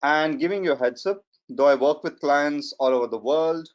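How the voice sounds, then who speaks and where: In a slightly muffled webinar recorded through a computer mic on a video call, a data science trainer in his forties gives an online lecture. He has a strong Indian accent and a fairly high-pitched voice, and he speaks in a measured, hesitant way full of fillers.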